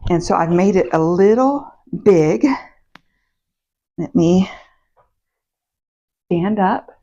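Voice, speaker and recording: A woman with a drawl talks casually to camera at home, still in her slightly rough morning voice. Her pitch sits on the low side for a woman, and she wanders from thought to thought, correcting herself as she goes. The recording sounds a bit dull and muffled. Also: slow pace, warm tone. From United States. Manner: chatty and meandering, with fillers and self-corrections. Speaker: vlog host. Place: home, indoors.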